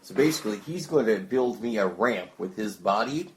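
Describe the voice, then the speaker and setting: Eager low-voiced man, tabletop player. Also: lively intonation, moderate pace, a little hiss or hum. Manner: eager, explaining plans. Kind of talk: casual tabletop play. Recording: roomy table recording.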